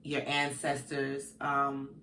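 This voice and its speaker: A woman with a Brooklyn accent telling stories casually, in informal, animated talk with slang. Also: a bass voice, slow, slight background noise. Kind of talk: casual storytelling conversation. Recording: echoey room, distant microphone.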